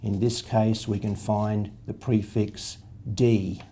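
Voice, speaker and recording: A man's voice: on the low side, little pitch movement, slow pace, dark tone, slight background noise. A man, patiently explaining a reading method step by step, spelling out letters and sounds. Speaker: literacy tutor.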